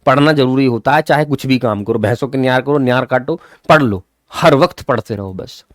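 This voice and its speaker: A man teaching English grammar in a live online class, talking fast, then slowing right down to spell out English example sentences. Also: medium pitch, no room sound, clean studio sound.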